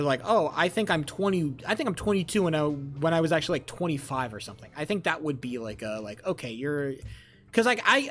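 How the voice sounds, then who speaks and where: A young man in his twenties, pitched a little on the high side, riffs and rambles at his live-stream chat. He swears often and talks back to viewers, with faint music playing behind him. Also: fairly bright tone. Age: 20s.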